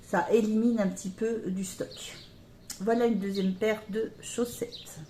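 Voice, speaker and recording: A middle-aged woman chatting casually about her knitting, hesitant, with many pauses and fillers, recorded by a camera on a table near her. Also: mid-range voice, steady tone, mellow, echoey room, slight background noise. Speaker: knitting podcaster.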